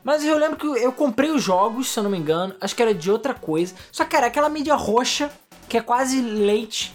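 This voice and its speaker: A woman's voice: fairly high pitch, fast talker, faint music behind. A young adult woman with a Rio de Janeiro accent, co-hosting a casual podcast and telling stories animatedly, acting out both sides of a conversation. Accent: Rio de Janeiro Portuguese. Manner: animated storytelling, acts out quoted exchanges. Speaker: podcast co-host.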